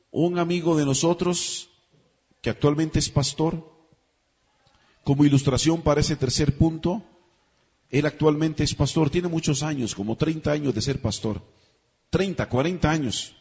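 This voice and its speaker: Pastor preaching, kinda husky higher voice, dull lo-fi echoey church sound. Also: male voice, a little mellow. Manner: emphatic preaching, asks the congregation questions. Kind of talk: sermon.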